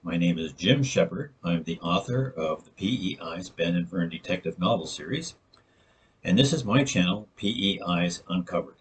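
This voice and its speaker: A man's voice: sits low, breathy edge. A man, a novelist, talking casually to camera about writing, earnest and often restarting words with frequent fillers. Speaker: novelist sharing writing tips.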